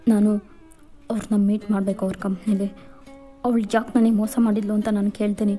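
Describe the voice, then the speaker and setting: A woman's voice: mid-range voice, little pitch movement, a little fast, dark tone, faint music behind, lightly acted. A woman voicing an anxious young man who urgently worries about his missing girlfriend in a fan fiction voiceover. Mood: worried.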